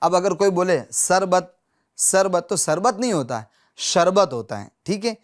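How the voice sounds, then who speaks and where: A man teaching Quran recitation who says each letter sound slowly and loudly, again and again, and stops often to check that his students are following. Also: sits high, big pitch swings. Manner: patient, checks in often with short confirmations. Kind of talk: Urdu lesson on pronouncing Arabic letters.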